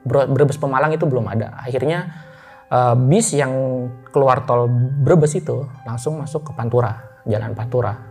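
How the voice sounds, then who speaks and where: A man's voice: mid-range voice, moderate pace, darkish tone, breathy edge, faint music behind. A man as a guest in a casual interview, telling a ghost story in loose, chatty speech with restarts, often addressing the listener directly.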